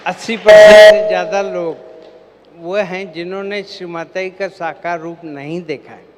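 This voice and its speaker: A man's voice: high-pitched, steady tone, normal speed. A man giving a devotional seminar talk to a live gathering. He poses questions to the crowd and then answers them himself. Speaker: spiritual seminar speaker. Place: large hall with an audience. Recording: long hall reverb, faint background noise.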